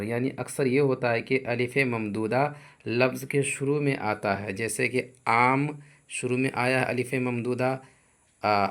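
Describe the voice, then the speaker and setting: Male teacher, mid-pitched voice, patient and repetitive. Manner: patient, repeats each point and example slowly. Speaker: Urdu teacher. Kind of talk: grammar lesson.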